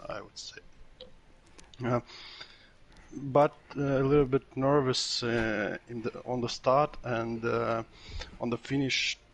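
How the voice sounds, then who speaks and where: Slow, gravelly, halting man. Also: mid-range voice. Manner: slow, halting, many uhs, tired. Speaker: race winner being interviewed. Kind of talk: post-race interview.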